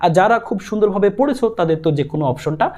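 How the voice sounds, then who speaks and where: A man's voice: sits high, lively intonation, rapid-fire, a little mellow. A young man with a Bangladeshi Bengali accent, coaching students through an exam-prep lesson in an urgent, repetitive, coaxing way. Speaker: tutor.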